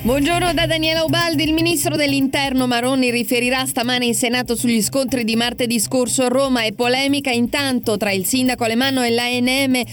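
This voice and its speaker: A woman's voice: high voice, steady tone, brisk, few pauses, faint music behind. A woman reading a scripted radio news bulletin as the newsreader.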